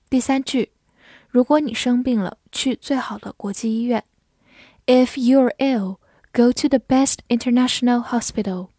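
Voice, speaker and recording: A woman teacher giving a vocabulary lesson. She reads each word twice and then its meanings, in a clear, careful way. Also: fairly high pitch, warm tone, dry recording, studio quality. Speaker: English teacher.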